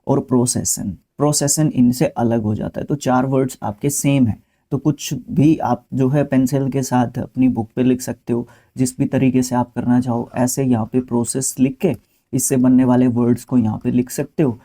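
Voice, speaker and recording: Dark-voiced Indian man teaching vocabulary. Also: mid-range voice, fairly even intonation, normal speed. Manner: conversational, with frequent fillers and asides; patient, speaks to students directly. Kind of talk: explaining a spelling lesson.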